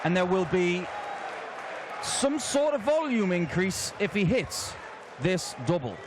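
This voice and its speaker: A man's voice: sits high, big pitch swings, takes it slowly, background noise. A man commentating on darts, chatty and analytical with the odd joke. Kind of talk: sports commentary. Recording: commentary booth with crowd behind.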